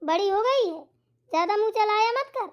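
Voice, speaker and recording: Brief: scolding elderly cartoon mother-in-law, lowered but still high voice, slow drawn-out threats, put on by a woman. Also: animated, highs cut off.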